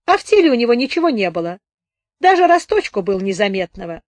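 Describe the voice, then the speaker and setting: A woman voicing a thin-bearded wounded soldier with a high boyish voice, telling a folksy tale in a slow, plain manner. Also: big pitch swings, dry recording. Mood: storytelling. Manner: unhurried folksy village speech.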